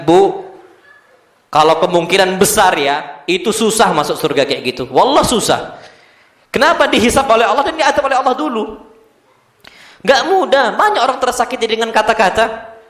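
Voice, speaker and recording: Male preacher, high voice, animated mosque sermon full of rhetorical questions, echoey hall. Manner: lively preaching with rhetorical questions to the women present. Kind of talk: lecture in a mosque.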